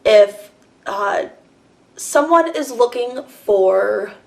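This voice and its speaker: Breathless woman with vocal fry. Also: on the high side, expressive, very slow, a little mellow. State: out of breath after a workout. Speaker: host. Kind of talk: casual monologue vlog.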